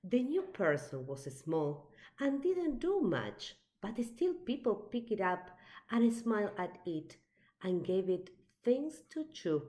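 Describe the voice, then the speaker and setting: A woman with a medium-pitched voice reads a children's picture book aloud. Her storytelling is expressive and deliberate.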